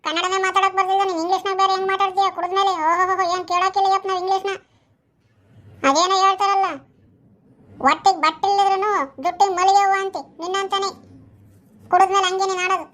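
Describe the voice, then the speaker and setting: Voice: very high-pitched, level tone, fast. A performer playing a village wife who mocks and scolds her drunken husband in a comic skit. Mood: mocking, scolding. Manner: sharp, mocking, scolding.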